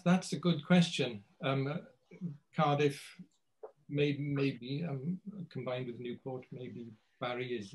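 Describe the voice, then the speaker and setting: A man of medium pitch joins an academic panel discussion as a guest over a video call, captured in low-quality audio. His speech is hesitant, full of restarts and repeated words.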